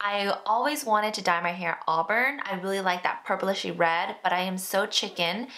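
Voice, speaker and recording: Bright-voiced young woman chatting casually. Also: medium pitch. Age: 20s. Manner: chatty, self-deprecating, frequent fillers. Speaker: beauty vlogger. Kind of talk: casual chat answering viewer questions. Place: indoor, seated.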